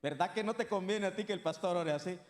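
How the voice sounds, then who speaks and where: Spanish-speaking pastor preaching in a reverberant hall. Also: male voice, high-pitched, fast talker. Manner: conversational preaching with asides to the congregation. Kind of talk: sermon.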